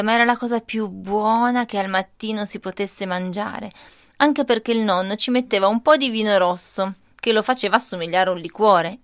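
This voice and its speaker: A woman narrating a children's story in an expressive way, playing out the small sounds of the tale. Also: mid-range voice, no echo, clean studio sound.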